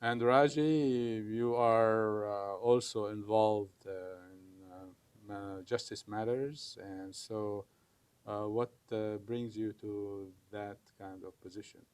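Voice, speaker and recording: A man who is a professor and hosts a TV talk show, speaking deliberately with frequent hesitations. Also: lowish voice, steady tone, darkish tone, clear, resonant tone. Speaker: host, professor.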